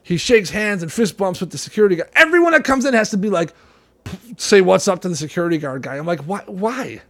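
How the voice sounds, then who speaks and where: A man with a notably high voice tears into a script in casual chat. He swears constantly, mocks it with animated outbursts, and stumbles over quick restarts.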